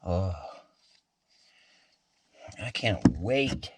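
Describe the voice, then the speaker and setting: A man's voice: on the low side, extremely slow, heavy background noise. A man casually talking to his viewers as "you guys" while camping outdoors at a backcountry campsite, in an easygoing vlog style. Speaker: vlogger.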